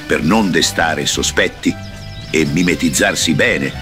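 A man's voice: rumbling low, measured pace, music in the background. A man voicing a grumpy, foul-mouthed old mountain grandfather in a parody cartoon dub. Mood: gruff. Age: older. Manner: grumpy, vulgar, threatening.

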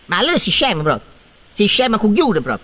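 Comic orc leader, male actor: sharp high voice, swooping delivery, exasperated and cocky. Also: huge pitch swings, brisk, slight background noise, exaggerated voice. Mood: scheming. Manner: informal, exasperated, slangy. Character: cocky, foul-mouthed male orc leader, whiny schemer.

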